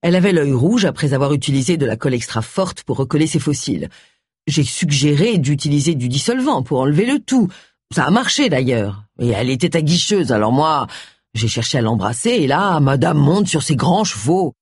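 A reader voicing a self-assured, pushy man who talks in a low, offhand way. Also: very animated, a little fast, slightly rough, no room sound, studio quality. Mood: sheepish. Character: smug, pushy man, a would-be seducer.

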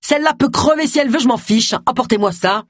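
A reader voicing a sharp-tongued, irritable middle-aged woman detective in an audiobook. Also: sits high, fast talker, dry recording, clean studio sound, voice pushed up. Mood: exasperated. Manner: sharp, exasperated.

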